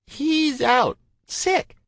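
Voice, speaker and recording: A man's voice: very high-pitched, very slow, creaky, fairly bright tone, no room sound, pitched above the performer's own voice, exaggerated voice. A man voicing a meddling young woman friend who sings her words sweetly while scheming, in an audiobook. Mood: sugary scheming. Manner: sing-song, sugary, scheming. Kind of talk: audiobook character voice.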